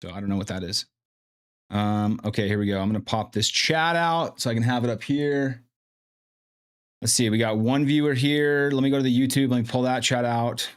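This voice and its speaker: A livestream host with a smooth, mid-range voice chats at a moderate pace, thinking out loud while he sorts out his mic and sound setup. He uses a streaming mic with in-ear monitoring, and faint music plays behind him.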